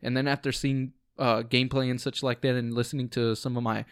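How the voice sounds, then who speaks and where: A man hosts a laid-back podcast with friends at home, talking in an easygoing, rambling way full of ums. His voice sits in a middle pitch and sounds dry and close, with no room echo. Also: little pitch movement, a little fast, clear, resonant tone. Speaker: podcast host. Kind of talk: casual podcast chat.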